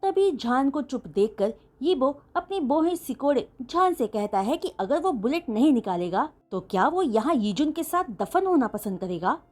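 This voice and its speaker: Animated woman retelling a story. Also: high-pitched, moderate pace, few pauses. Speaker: fanfiction storyteller. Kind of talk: retelling a romance story in Hindi.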